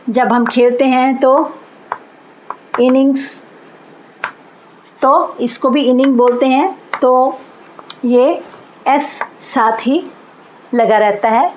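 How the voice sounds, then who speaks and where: A woman's voice: a little high, a little mellow, a little hiss or hum, low-quality recording. A woman teaching English grammar in Hindi, explaining patiently and repeating each example word.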